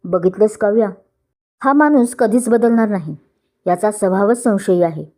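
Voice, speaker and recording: A woman's voice: medium pitch, normal speed, darkish tone, lightly acted. A woman voicing a young man who is a mocking, sarcastic rival in a storybook reading. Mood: taunting. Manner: sarcastic, taunting.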